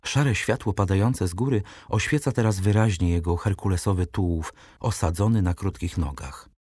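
A man narrating a classic novel as an audiobook, reading in a measured, dramatic way. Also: deep voice, a little mellow, slightly rough, dry recording. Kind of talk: scripted literary narration.

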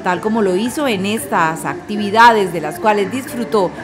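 A woman reporter reading a scripted news voice-over in an upbeat, even manner. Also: medium pitch, normal speed, a crowd in the background. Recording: music bed behind voice-over.

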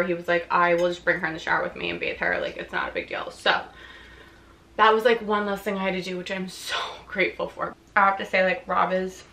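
A woman's voice: fairly low pitch, creaky. A young woman vlogging from her living room couch, tired and chatty, talking casually and saying "like" a lot. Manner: relaxed, chatty, heavy use of "like". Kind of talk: casual vlog chat. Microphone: camera on a tripod. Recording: roomy home recording with faint hiss.

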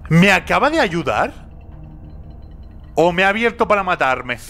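A man's voice: high voice, sing-song, unhurried, bright, forceful tone. A young man from commentating a horror game, nervous, repeating phrases and talking to himself. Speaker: gaming youtuber.

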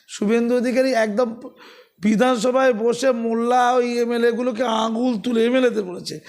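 Sarcastic man with high gravelly voice. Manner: sarcastic, rhetorical questions, grows loud and forceful. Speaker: political commentator. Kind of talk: heated political talk.

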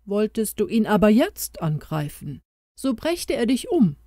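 A woman's voice: mid-range voice, sing-song, a little slow, dark tone, no room sound, studio quality, pitched above the performer's own voice. A woman voicing an old king bewitched into a small crowned mouse, who comforts and urges the hero in a storybook tale. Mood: earnest, urging. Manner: comforting, urging.

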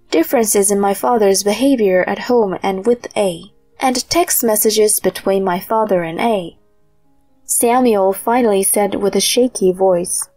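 A woman narrating a dramatic first-person story in a measured, even manner. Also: medium pitch. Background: faint background music.

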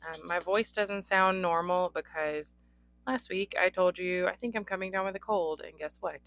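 A young adult woman with a hoarse, lowish, slightly bright voice hosts a casual pen unboxing at a desk indoors, speaking at normal speed. She reviews pens in a chatty way, with frequent ums and occasional coughs. An overhead camera on the desk shows only her hands.

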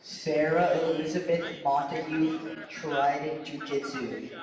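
A man calling out tournament announcements over a PA system in slow, deliberate call-outs. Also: a little high, fairly even intonation. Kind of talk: public address announcements. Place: large indoor tournament hall. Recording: echoey arena PA heard from far off with crowd.

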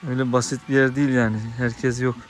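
A man vlogging outdoors on a farm. He chats casually to viewers and shouts sharp calls and scoldings to his dogs. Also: medium pitch, flat delivery, fast, slight background noise. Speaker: vlogger and dog owner.

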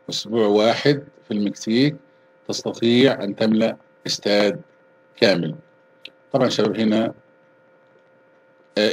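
Male English teacher. Slow, deliberate reading, fast translations. Low, husky voice. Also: a little mellow, rough recording. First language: Arabic. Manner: reads English slowly and clearly, translates quickly with fillers. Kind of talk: bilingual lesson, reading English lines and translating into Arabic.

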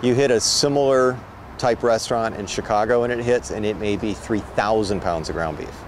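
A middle-aged man, a meat producer, giving steady, thoughtful interview answers outdoors. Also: on the low side, moderate pace. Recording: outdoor street noise.

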